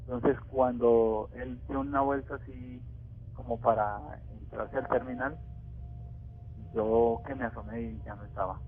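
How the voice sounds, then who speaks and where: A man calling in to a radio show, telling a frightening story of his own in a hesitant way, with many pauses. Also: mid-range voice, little pitch movement, breathy edge. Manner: hesitant, full of pauses and fillers. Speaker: caller. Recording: dry tinny phone line.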